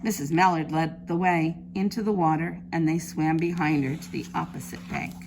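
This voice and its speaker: A woman reading a children's storybook aloud in an expressive, emphatic preschool-teacher style. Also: deep voice, normal speed, vocal fry, background noise.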